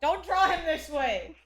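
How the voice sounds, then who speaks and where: A woman's voice: sits high, expressive, slow, a bit bright, faint music behind. A woman hosting a casual group chat, exclaiming and laughing often. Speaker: host.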